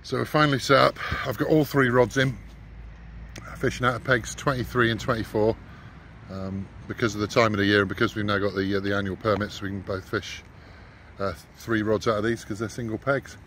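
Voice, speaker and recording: A male angling vlogger talks casually to camera in a hesitant, rambling way, first in a moving car and later outdoors by a lake. His delivery is flat, a little fast, and a bit bright, and the recording is noisy with wind and road rumble.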